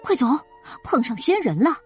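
A woman playing a shouting, contrary schoolboy. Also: sits high, very animated, moderate pace, faint music behind. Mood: urgent. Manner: shouting and urgent.

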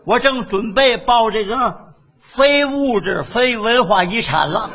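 A man's voice: very high voice, lively intonation, takes it slowly, dull audio, noisy background. A man, a crosstalk comedian performing on stage in a boastful, blustering, playful manner. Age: 70s.

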